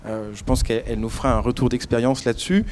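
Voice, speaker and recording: A man moderating a conference, introducing speakers in halting, unscripted short phrases full of hesitation. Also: medium pitch, steady tone, darkish tone.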